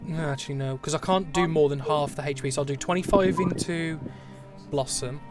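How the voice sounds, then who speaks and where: A man's voice: a little high, brisk, over loud music. A man playing a cleric in a tabletop game, thinking aloud and correcting himself. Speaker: player, cleric. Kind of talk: casual game chat.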